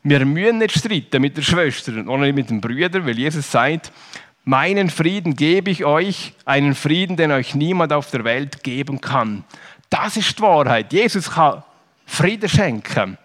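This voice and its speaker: Preacher with a raised voice. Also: male voice, fairly high pitch, moderate pace. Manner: lively storytelling, asks the listeners questions. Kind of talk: children's sermon.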